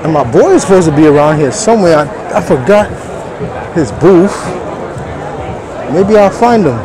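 A vlog host wanders a packed indoor convention hall, speaking laid-back slang through a face mask. His fairly high voice is animated and moves at a moderate pace. Crowd chatter and general hall noise make for a noisy recording.

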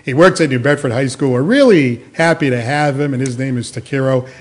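A man's voice: medium pitch, fairly quick. A man hosting a casual talk show, easygoing and jokey, chuckling between his questions.

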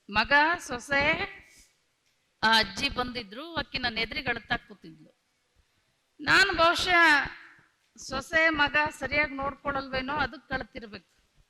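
High bright-voiced woman preacher. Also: in a large hall. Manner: rhythmic, repeats lines for emphasis; tells stories, acting out quoted voices. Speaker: spiritual preacher. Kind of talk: religious discourse.

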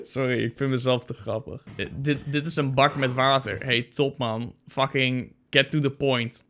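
A man doing casual joking commentary as a YouTuber, playful and self-mocking, swearing and tossing in English phrases, sometimes breaking into loud shouts. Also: medium pitch, fairly even intonation, moderate pace, slight background noise. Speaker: YouTuber reacting to fan posts.

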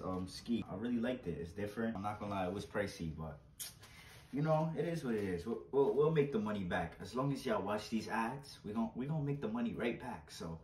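A man's voice: lowish voice, darkish tone, a little hiss or hum. Chatty young man in an echoey room. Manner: chatty, slangy, repeats himself, pleads for likes. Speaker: vlogger. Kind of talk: casual unboxing vlog. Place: small bright indoor room. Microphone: fixed camera a few steps away. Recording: roomy, distant camera sound.

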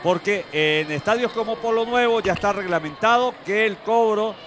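High-pitched analyst breaking down kicks. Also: male voice, normal speed, background noise. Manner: calm, detailed breakdown of each kick. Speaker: color commentator. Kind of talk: football analysis commentary. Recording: broadcast with crowd and music behind.

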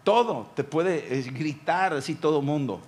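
A man with a Mexican accent, a pastor preaching a sermon, repeating phrases and dropping to quiet lines. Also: on the high side, expressive, measured pace.

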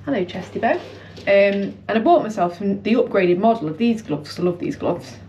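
Chatty British woman, medium pitch. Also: animated, a little fast, dark tone, a little hiss or hum, rough recording. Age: young adult. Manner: chatty, self-deprecating, colloquial. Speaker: running vlogger. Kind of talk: casual vlog chat. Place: indoors in a house hallway. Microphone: camera at arm's length or propped nearby.

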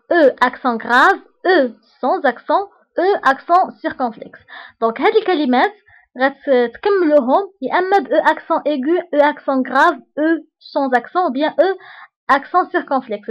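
Her voice is high, and the recording muffled, as this Moroccan-accented French teacher gives an online lesson. She goes over every example word again patiently and makes sure her learners keep up.

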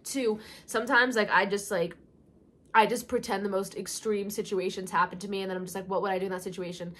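A young adult woman chatting casually and reacting to confessions in an animated, gleefully gossipy, slangy way full of "like". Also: mid-range voice, quick pace. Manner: slangy, heavy use of "like". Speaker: vlogger reading followers' confessions. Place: small bedroom, indoors.

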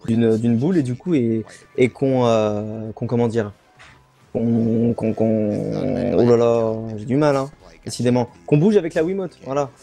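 A man's voice: medium pitch, a little slow, creaky, mellow, soft background music. A man giving casual live commentary on a speedrun, often hunting for words mid-sentence. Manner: casual, hesitant, searches for words.

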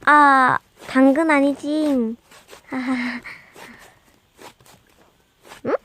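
A woman's voice: sits high, fairly even intonation, extremely slow, a bit bright, a little hiss or hum. A young female host chatting casually and teasingly to viewers.

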